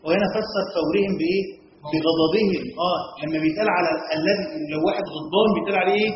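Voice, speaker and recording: A man's voice: high-pitched, very fast, background noise. A man with an Egyptian Arabic accent teaching a classroom lesson, constantly quizzing his students and checking they follow. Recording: echoey hall, dull lo-fi sound.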